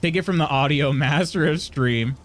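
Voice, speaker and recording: Reading viewer comments off his stream, a young adult man answers them in a chatty, stop-start manner, often beginning sentences over. His pitch is a little high.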